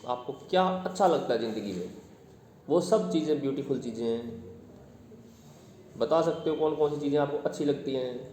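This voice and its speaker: A man's voice: medium pitch, normal speed, long pauses, dark tone, a little hiss or hum. Man teaching in an echoey classroom. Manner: explains patiently, quizzes the class with questions. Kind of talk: classroom lecture. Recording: echoey classroom with long reverb.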